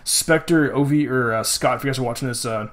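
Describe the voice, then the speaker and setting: A young man with a mid-range, slightly bright voice hosts a let's play at a fairly quick pace. He rambles casually, leaning heavily on "like" and swearing often. Game music plays, and there's slight background noise.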